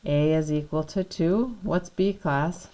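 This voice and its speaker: A woman's voice: low-pitched, slow, dark tone, rough recording. A woman teaching a math lesson, patiently walking through each step and checking in with the class.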